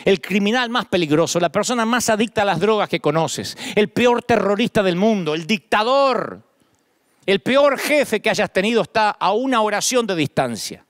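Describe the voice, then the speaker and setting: A middle-aged Argentine pastor preaches with insistent, rhythmic emphasis, stacking phrase on phrase. His voice sits high for a man. The sound is close and dry, with no room around it. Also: expressive, normal speed, dry recording. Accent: Argentine Spanish. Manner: emphatic preaching, builds lists with rising repetition. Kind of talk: sermon.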